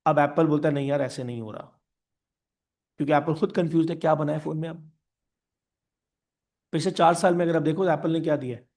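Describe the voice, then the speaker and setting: A man teaching business in a lively lecture, mixing Hindi with English, repeating key phrases and acting out what companies say. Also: a little high, fast talker, pauses often. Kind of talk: animated classroom lecture.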